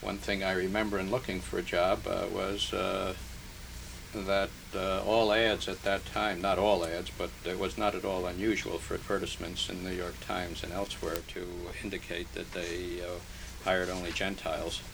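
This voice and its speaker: In an oral history interview, an older man born in Hungary and raised in New Jersey speaks slowly in a low, gravelly, flat voice, pausing often and using fillers as he searches his memory. The noisy archival tape hisses clearly behind him.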